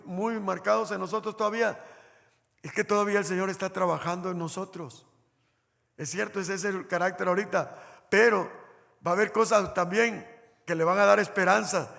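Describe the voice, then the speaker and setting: A man's voice: sits high, creaky, pushed and bright. A man preaching a sermon as pastor, telling a personal story and speaking straight to the congregation. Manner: storytelling, addresses the congregation directly. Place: church hall. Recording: church hall reverb.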